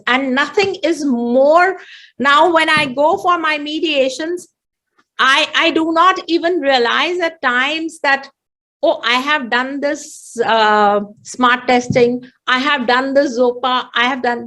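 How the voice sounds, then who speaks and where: An Indian-accented woman delivers an online training lecture as a mediator, explaining deliberately and repeating phrases. Her voice sits high with a fairly bright tone, and her throat sounds a little choked.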